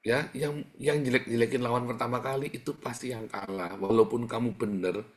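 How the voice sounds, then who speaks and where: A middle-aged man preaching a sermon in with a lilt, telling a personal story. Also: brisk. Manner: animated storytelling, big swings in pitch and loudness.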